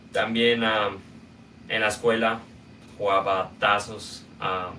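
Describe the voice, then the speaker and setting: A young man from Guatemala with a Guatemalan Spanish accent, hosting a podcast and telling his own life story in a casual, unhurried way with many filler sounds. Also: lowish voice, sharp tone, far from the mic, slight background noise. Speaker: podcast host. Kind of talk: personal storytelling monologue.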